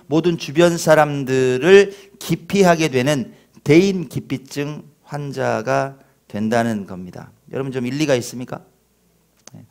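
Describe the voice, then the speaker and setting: Animated middle-aged male pastor preaching. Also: on the high side, vocal fry. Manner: animated, acts out scolding parents in a shouting voice; talks to the congregation with questions and self-deprecating humor. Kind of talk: sermon.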